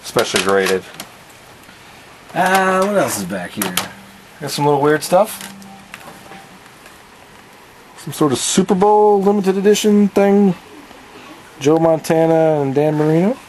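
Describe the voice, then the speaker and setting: A man's voice: on the high side, lively intonation, unhurried, pauses often, darkish tone, a little hiss or hum, poor audio. A young man in his twenties casually showing off his collection in a cluttered basement, rattling off items with fillers, recorded on a handheld camera. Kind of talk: casual show-and-tell.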